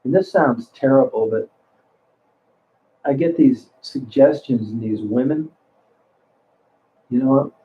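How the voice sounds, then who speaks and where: A sixty-something man reading his livestream chat takes his time, speaking at medium pitch with long pauses. His rambling, profanity-laced talk keeps doubling back to restart sentences, heard through narrow, phone-like audio.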